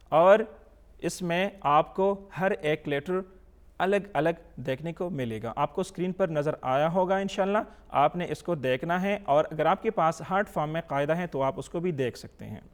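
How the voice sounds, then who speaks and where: Man, Pakistani accent, high voice, patient teacher, slow drawn-out recitation, English mixed in. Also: animated. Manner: mixes English words into explanations. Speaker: Quran teacher. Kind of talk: televised Quran reading lesson.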